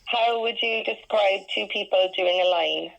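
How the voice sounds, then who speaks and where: A woman's voice: medium pitch, measured pace, gravelly, low-quality recording. A woman with a Cork Irish accent in casual conversation as a quiz setter on the radio. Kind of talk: casual chat.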